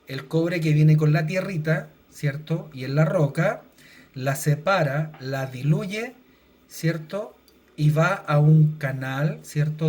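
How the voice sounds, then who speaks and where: Mellow-voiced male teacher. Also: on the high side. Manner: explains step by step, tags sentences with "¿cierto?". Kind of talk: recorded classroom lesson.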